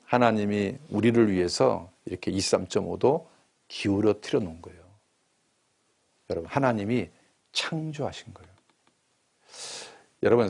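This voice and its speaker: A male preacher delivering a sermon in church. His voice is husky and a little breathy, and his pitch moves widely, rising for emphasis and falling back down. He keeps asking the congregation questions and then answers them himself. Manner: animated, asks the congregation questions.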